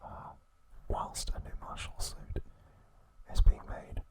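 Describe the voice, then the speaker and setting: A man hosts an ASMR video, narrating a recap in a breathy, hushed whisper. His phrases come out short and halting.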